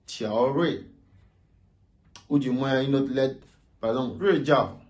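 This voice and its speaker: A man giving a casual video lesson, slowly repeating sounds for learners to copy. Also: mid-range voice, steady tone, darkish tone. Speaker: language teacher.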